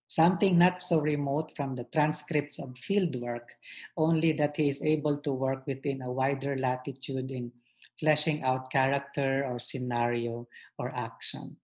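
A middle-aged man reads a formal scripted introduction as moderator, in a measured, scholarly manner over a video call. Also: medium pitch, a little mellow, rough recording. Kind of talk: formal scripted talk, read aloud. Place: lamp-lit room at home. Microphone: computer mic on video call.

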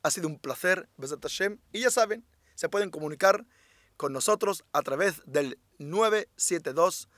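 A rabbi teaches a religious class in a high, bright voice. He is emphatic, drives his points home by repeating them, and poses rhetorical questions to his listeners. The sound is dry and close, with no room echo. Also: lively intonation, normal speed.

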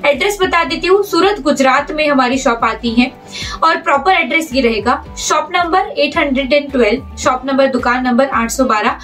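Chatty high-voiced Indian woman selling clothes. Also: moderate pace, fairly bright tone. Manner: chatty, persuasive, repeats words for emphasis. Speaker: presenter for a clothing wholesaler. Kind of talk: product showcase sales pitch. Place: clothing shop. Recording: voice a bit far from the mic, music underneath.

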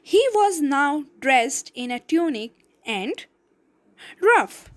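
A woman's voice: high-pitched, very animated, slow pace. A woman teacher reading a story aloud to her class and explaining the meanings of words. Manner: clear, explaining word meanings.

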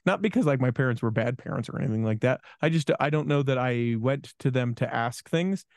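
A man in his forties talks things through on a podcast, pausing and restarting as he reflects. He sits at a studio mic, and the sound is dry and close with no room around it. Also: mid-range voice, darkish tone, no echo. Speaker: podcast co-host. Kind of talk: casual conversational chat. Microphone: studio microphone with headphones.

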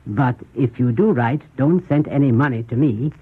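A man giving scripted 1930s radio news commentary in a measured, formal, rhetorical manner, with a husky voice. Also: medium pitch. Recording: muffled, tinny 1930s radio recording.

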